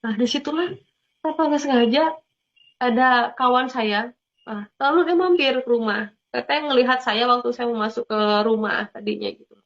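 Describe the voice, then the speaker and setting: A woman's voice: fairly high pitch, moderate pace, creaky. A woman gives an emotional personal testimony. She tells her story earnestly and often turns to her listeners as brothers and sisters. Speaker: testimony speaker. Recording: dull lo-fi recording.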